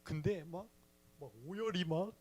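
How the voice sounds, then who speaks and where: Speaking in a high-pitched, unhurried voice, a young youth ministry speaker recounts his own faith journey during a sermon for a youth service. He keeps things chatty and plays around with the crowd.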